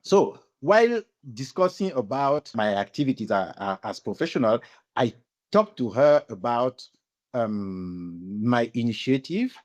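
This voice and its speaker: A man from Cameroon talks as a podcast guest, answering without a script. He speaks haltingly, pausing, repeating words and correcting himself as he goes. His pitch sits at an ordinary middle level for a man. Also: big pitch swings, darkish tone. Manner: halting, searching for words, many self-corrections. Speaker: interview guest, cycling club founder. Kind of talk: unscripted interview answers.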